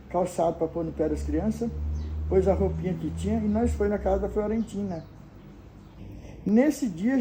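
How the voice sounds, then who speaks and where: Answering questions from viewers, an older woman from Brazil reminisces about growing up, casually and homily, acting out the conversations in her tales. Her medium-pitched voice is warm, though the rough recording has a little hiss or hum.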